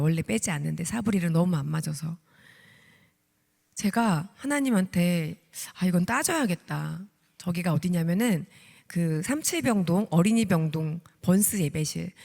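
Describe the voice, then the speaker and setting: A woman deaconess in her thirties giving an animated testimony sermon, acting out her own prayers as she tells the story. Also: fairly low pitch, gravelly. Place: church sanctuary. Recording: long hall reverb.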